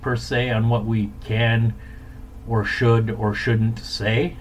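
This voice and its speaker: A man's voice: on the low side, level tone, slow pace. Casual male podcast host over background noise.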